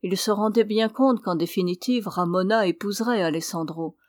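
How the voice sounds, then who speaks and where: A woman reading a novel aloud in an even, measured audiobook narration, in a dry recording. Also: medium pitch, dry recording. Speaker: audiobook reader.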